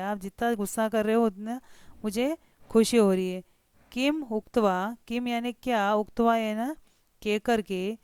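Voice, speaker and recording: Woman slowly explaining a lesson. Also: medium pitch, darkish tone, clear, resonant tone, no echo. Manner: slow deliberate word-by-word explanation. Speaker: teacher. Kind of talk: explaining a textbook lesson line by line.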